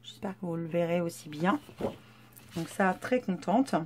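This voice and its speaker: A woman's voice: lowish voice, a little slow, darkish tone, slight background noise. A woman vlogger casually presenting scrapbooking papers, chatty and hesitant with many fillers. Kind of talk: casual haul show-and-tell.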